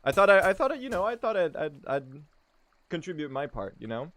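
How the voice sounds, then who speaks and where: A man's voice: a little high, big pitch swings, a little fast, a bit bright. A young man from Sweden chatting and joking with his chat while speedrunning a game. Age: young adult. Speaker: speedrunning streamer. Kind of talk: casual live-stream chat.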